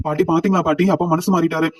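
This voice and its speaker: An excited young daughter talks to her father and grandmother in a storybook recap, voiced by a male narrator. The voice is fast and a little high. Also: close to an everyday voice. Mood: happy.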